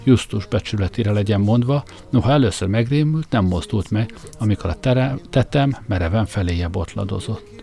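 Guy reading a funny audiobook, low voice, dry wry tone, faint music behind. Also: vocal fry, few pauses, warm tone. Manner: wry, comic first-person storytelling. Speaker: narrator. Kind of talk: audiobook narration.

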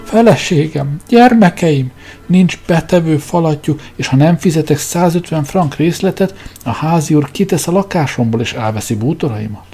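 A man's voice: very animated, hardly any pauses, mellow, soft background music, heavily acted. A man doing a sobbing, whiny spy editor. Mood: sobbing pleas. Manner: tearful, pleading, high-pitched.

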